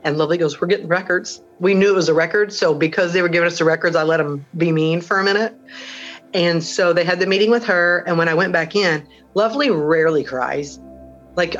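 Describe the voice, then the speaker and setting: Blunt, animated woman telling her story. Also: low-pitched, highs cut off. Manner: animated, blunt, swears, acts out quotes. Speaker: interviewee, local radio host. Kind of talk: emotional personal storytelling.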